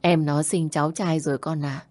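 A woman's voice: deep voice, fairly even intonation, normal speed, a little mellow, dry recording, natural voice. A woman voicing an old mother who speaks to her long-absent son in a choked, tearful voice.

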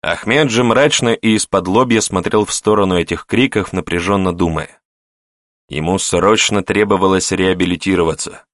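Male audiobook narrator, low and measured, dry studio read. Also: fairly bright tone, no room sound. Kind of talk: scripted narration.

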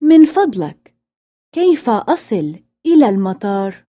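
A woman reading scripted phrasebook lines deliberately, as in a language-lesson drill. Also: mid-range voice, sing-song, warm tone. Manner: deliberate repetition-drill delivery.

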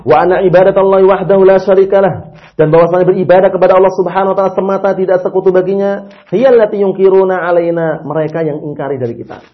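Male religious teacher, fairly high voice, quizzes his class, dull lo-fi recording. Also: fast. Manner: lively, asks rhetorical questions and answers them himself. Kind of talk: explaining a religious text to a class.

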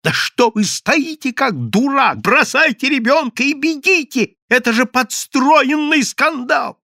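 A man's voice: high voice, very animated, normal speed, creaky, bright, forceful tone, husky, no room sound, studio quality, pitched above the performer's own voice, exaggerated voice. A man voicing an anxious middle-aged clerk who pleads and urges in an agitated way.

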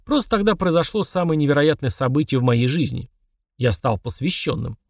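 A man's voice: fairly high pitch, animated, fairly quick, dry recording. Man narrating a story, dry and distant. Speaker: audiobook narrator. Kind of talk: first-person scripted narration.

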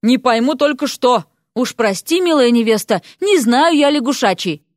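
A woman's voice: fairly high pitch, animated, normal speed, dry recording, studio quality, lightly acted. A woman voicing a naive, resigned young nobleman who muses aloud in a folksy, sighing way in an audiobook. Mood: chatty. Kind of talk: audiobook character voice.

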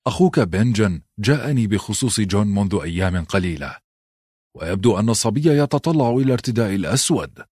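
A male narrator voicing a calm old male advisor who speaks in a measured, persuasive way. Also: fairly low pitch, husky, no room sound, studio quality.

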